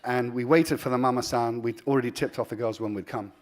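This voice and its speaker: Accepting an award as the founder of a charity, this man speaks earnestly in a steady, mid-range voice. He pauses and restarts often, moving back and forth between forceful emphasis and quiet softness.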